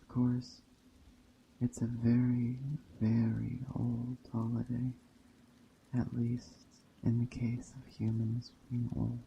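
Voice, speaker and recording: A man plays a gentle pagan witch in an ASMR roleplay, speaking softly and deliberately to a traveler about a holiday and often drifting into a whisper. His mid-range voice is monotone and creaky. The soft-spoken monologue has dull, muffled audio and faint ambient noise, with rain and forest sounds in the background.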